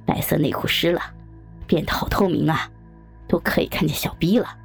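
A woman voicing a group of crude, boastful young men in a low, gruff put-on voice. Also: steady tone, moderate pace, faint music behind. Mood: leering.

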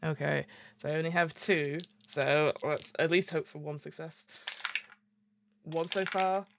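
A woman's voice: low-pitched, steady tone, unhurried, gravelly, a little hiss or hum. A woman chatting casually as a tabletop game player, improvising in a giggly, hesitant way.

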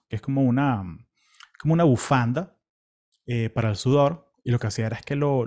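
A young Venezuelan man tells travel stories in a loose, conversational Spanish. His voice sits in an ordinary middle register. He talks easily, circling back on his words with fillers and restarts. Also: mid-range voice. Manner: relaxed, chatty, many fillers and restarts. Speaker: pilgrim recounting a walk. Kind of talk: casual travel storytelling.

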